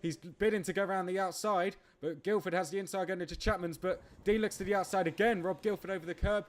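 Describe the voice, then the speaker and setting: A man calling a kart race live, excitable, breaking into laughs and tripping over his words. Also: sits high, quick pace. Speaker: race commentator. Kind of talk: live motorsport commentary.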